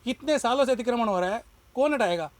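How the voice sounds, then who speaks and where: Fast-talking high-voiced shopkeeper man. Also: expressive, dry recording. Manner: impassioned, argumentative. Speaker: shopkeeper and party worker. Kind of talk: street interview.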